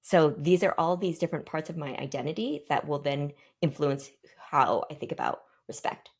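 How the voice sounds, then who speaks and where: A woman's voice: deep voice, a little mellow. A woman in her forties from the Pacific Northwest, leading a reflective workshop talk for a team and often checking in with questions. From Pacific Northwest, United States. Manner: reflective, pausing, asks the group questions. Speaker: workshop guest speaker.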